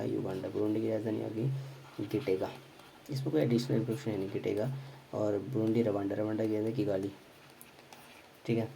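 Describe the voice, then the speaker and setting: A man teaching a quick geography revision lesson, repeating names over and over and correcting himself as he goes. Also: fairly low pitch, vocal fry, warm tone, slight background noise, poor audio. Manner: quick, repetitive drilling with frequent self-corrections and fillers.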